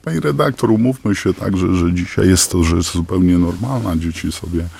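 Disguised deep gravelly man, halting. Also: darkish tone. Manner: halting, many fillers and restarts. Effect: voice disguised, pitched down. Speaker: anonymous father interviewed on radio. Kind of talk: hesitant interview answers.

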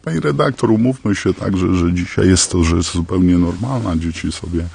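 Man, disguised altered voice, extremely deep, gravelly, halting and earnest, radio interview guest. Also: darkish tone. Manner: halting, earnest, searching for words. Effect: voice electronically altered and lowered to stay anonymous. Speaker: anonymous parent guest.

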